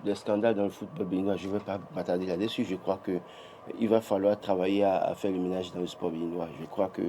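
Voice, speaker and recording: A man with a Beninese French accent delivers political commentary during a morning TV press review, speaking emphatically with many restarts and rising when he insists. His voice is low-pitched and warm, quick but with little pitch movement, and there's slight background noise.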